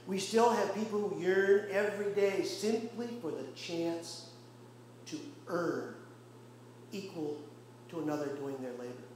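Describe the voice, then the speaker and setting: A male pastor preaching a sermon with impassioned rhetorical questions and pauses, recorded in a church. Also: sits high, a little mellow. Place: church sanctuary. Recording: very echoey church room, faint hum.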